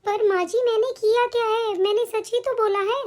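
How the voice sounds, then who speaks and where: A woman voicing a wronged young wife and mother in an animated cartoon, defiant and aggrieved. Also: extremely high pitch, moderate pace.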